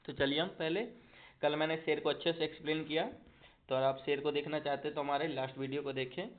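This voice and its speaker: A man's voice: on the high side, little pitch movement, quick pace. Spanish teacher man, tinny phone-like sound. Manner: repeats "ठीक है" to check in, drills conjugations aloud. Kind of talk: online language lesson in Hindi.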